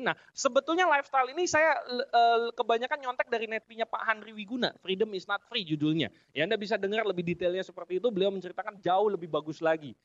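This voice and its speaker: High-voiced joking Indonesian man speaking. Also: a bit bright, dry recording. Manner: joking, chuckles at his own punchlines; addresses audience as "Bapak Ibu sekalian". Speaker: business seminar speaker. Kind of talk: motivational talk to an audience. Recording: dry, dull lo-fi audio.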